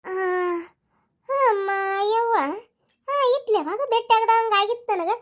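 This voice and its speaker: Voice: very high voice, fairly bright tone, full character voice. A performer voicing a gossiping married village woman with a North Karnataka Kannada accent in a cartoon comedy. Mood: gossipy. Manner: rapid, gossipy storyteller.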